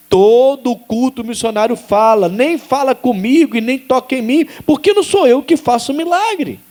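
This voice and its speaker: A male pastor preaching a sermon, animated, rising to sharp high exclaims and acting out dialogue. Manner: acts out quoted dialogue.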